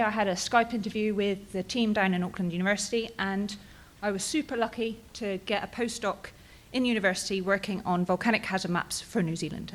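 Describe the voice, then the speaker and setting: A British woman in her thirties, from Bristol in England, presents her research at a conference. Her medium-pitched delivery is casual and chatty, sprinkled with ums and "right?" tags.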